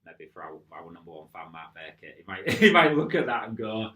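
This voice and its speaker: A man's voice: sits low, sing-song, brisk, bright, forceful tone. A man co-hosting a casual futsal podcast, agreeing often and recounting match incidents. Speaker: futsal club podcast co-host.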